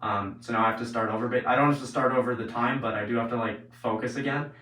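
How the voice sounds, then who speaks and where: A man's voice: medium pitch, steady tone, quick pace, sharp tone, distant mic. A man hosting a vlog, chatting casually and informally as he explains things, often saying "like" and "basically". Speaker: host of an experiment video series. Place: indoors, later in an echoey bathroom. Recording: roomy echo.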